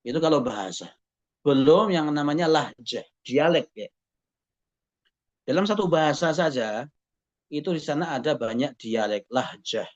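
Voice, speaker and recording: A male lecturer at a middle pitch, talking a class through the material one point at a time. He keeps checking in with a quick "ya" and throws out rhetorical questions to the room. The recording is dull and lo-fi. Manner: explains step by step, often adds a questioning "ya" and asks rhetorical questions. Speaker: university lecturer.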